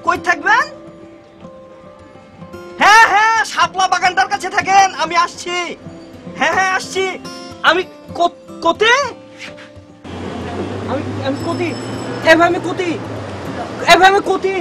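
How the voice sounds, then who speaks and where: A man doing a shrill, loud village bumpkin on the phone. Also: steady tone, moderate pace, long pauses. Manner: shouts into phone, rural dialect, rambling. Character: loud naive village man new to the city, shouting on phone. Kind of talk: comedy sketch. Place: on a city bus. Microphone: phone camera. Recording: mobile phone video with faint music.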